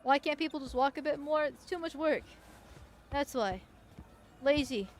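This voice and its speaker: High-pitched blunt woman gamer commentating. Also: lively intonation, normal speed, a little hiss or hum. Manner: blunt, crude, irreverent. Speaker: game streamer. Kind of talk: casual gameplay commentary.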